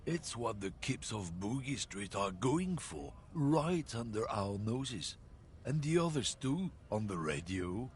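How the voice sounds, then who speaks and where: A man's voice: medium pitch, sing-song, a little hiss or hum. An actor playing a scornful, bigoted middle-aged man who lectures on racial superiority with a heavy, vaguely continental accent. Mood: lecturing. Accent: heavy continental European-sounding accent. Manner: sneering, lecturing, drawn-out swoops.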